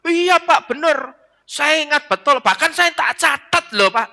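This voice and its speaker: A man voicing annoyed church elders who press their pastor in a high, insistent voice. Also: lively intonation, measured pace, creaky, pushed and bright, full character voice.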